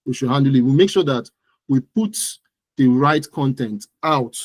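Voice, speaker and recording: He speaks at normal speed in a mid-range voice with lively intonation and no echo. The man, who has a Nigerian accent, is a digital marketing entrepreneur interviewed conversationally about his business, and he repeats phrases to drive points home.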